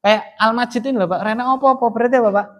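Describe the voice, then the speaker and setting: Racing along in a very high, steady-toned voice, a man with a Javanese accent teaches Arabic grammar to a class, patiently explaining and frequently questioning his students.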